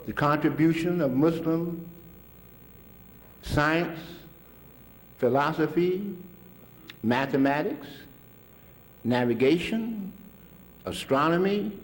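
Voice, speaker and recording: A man's voice: fairly high pitch, darkish tone, slight background noise. An older man telling stories to an audience in a colloquial way, chuckling often. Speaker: speaker recalling a mentor. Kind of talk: storytelling talk to an audience.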